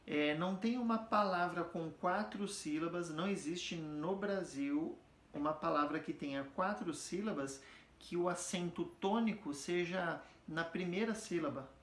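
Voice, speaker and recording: In a room that makes his voice echo noticeably, a high-pitched man gives a casual, conversational music theory lesson. He explains patiently and keeps checking whether listeners follow, using frequent tag questions. To show stress, he slowly sings or chants example words.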